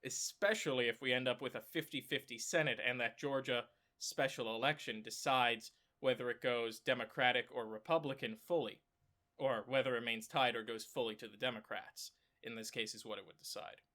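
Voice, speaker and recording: A man with a clogged nose talking through election maps for his own channel in a casual way, thinking aloud with many fillers and self-corrections and breaking into excited exclamations. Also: mid-range voice, brisk. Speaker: political commentary YouTuber. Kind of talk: casual screen-share analysis.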